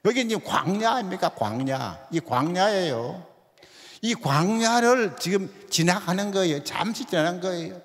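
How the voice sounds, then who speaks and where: A man's voice: sits high, lively intonation, measured pace. A man in his seventies giving a sermon in a church, often putting rhetorical questions to the congregation. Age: 70s. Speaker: guest speaker. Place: church sanctuary. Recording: long hall reverb.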